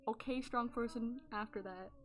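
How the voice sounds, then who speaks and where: A woman's voice: a little high, moderate pace, crowd noise. A woman playing in a tabletop game, talking hesitantly with frequent fillers. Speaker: player. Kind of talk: casual chat.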